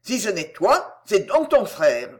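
A woman's voice: mid-range voice, big pitch swings, a little slow. A woman voicing an eager young man who declaims a wolf's lines in a storybook scene. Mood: declaiming. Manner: theatrical, declaiming. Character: eager young man playing a raging wolf.

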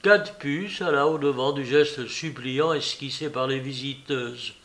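A man narrating a story in a measured audiobook reading. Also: mid-range voice, a bit bright.

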